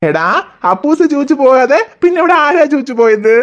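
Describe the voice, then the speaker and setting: A woman voicing a gentle cartoon father who reassures his daughter and mock-scolds his son. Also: high voice, big pitch swings, moderate pace, muffled recording. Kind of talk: cartoon voice acting.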